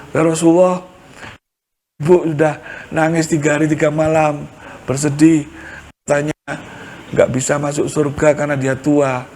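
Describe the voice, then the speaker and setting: A man's voice: fairly high pitch, gravelly, a little mellow, slight background noise. A middle-aged man with a Javanese accent, preaching to a women's study group with humor and acted-out dialogue. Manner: humorous storytelling, acts out dialogue. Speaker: Islamic preacher.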